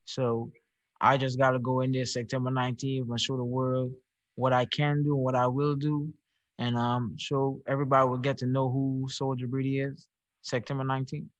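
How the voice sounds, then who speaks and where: A young Barbadian man answering reporters over a video call, his speech flat and even in pitch. He hesitates and repeats words as he works out each answer. The audio is dry and a little dull, like a home setup. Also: dry recording. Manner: halting, repeats words as he searches for them. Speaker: professional boxer. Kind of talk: press call interview answers.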